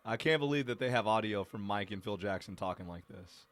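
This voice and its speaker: A man with a fairly low voice hosts a live watch-along show. He talks in a loose, chatty way and calls out to his listeners as he reacts to each moment. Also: fairly quick. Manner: excited, chatty, addresses listeners as y'all. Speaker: podcast host.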